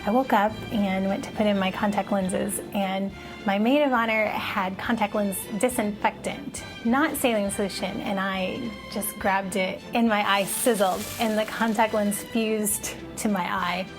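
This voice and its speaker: A woman's voice: mid-range voice, fairly even intonation, measured pace, over music. A woman talk show guest casually recounting mishaps from her wedding day with frequent laughs. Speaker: guest, the bride. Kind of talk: casual storytelling interview.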